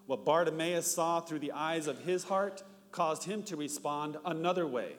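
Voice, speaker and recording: A middle-aged male pastor delivers a sermon in a fairly high voice, and he tells stories by acting out each line of dialogue. His voice rings with long reverb through a large hall. A faint hiss sits under it. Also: normal speed. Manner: storytelling, acts out dialogue with rising pitch.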